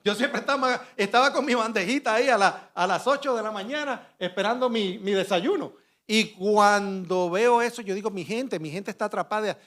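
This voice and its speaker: A middle-aged man from Rico, speaking on a conference panel and telling a dramatic first-person story with animated delivery and acted-out dialogue. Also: high voice, moderate pace. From Puerto Rico. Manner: vivid and animated, shouting out sound effects and acting out dialogue.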